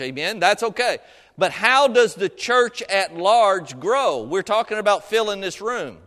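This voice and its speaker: A middle-aged man with a high, fairly bright voice preaches to a congregation in a large room, where the hall's long echo hangs on every line. He exhorts them in folksy, colloquial phrasing, dotting his points with questions and amens.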